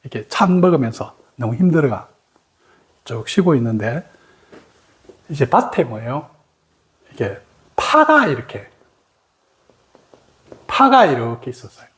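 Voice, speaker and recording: A middle-aged meditation teacher gives a dharma talk in a mid-pitched voice whose intonation rises and falls widely. The teacher tells stories with animation and keeps turning to the listeners with rhetorical questions. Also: very animated, measured pace, pauses often, a bit bright.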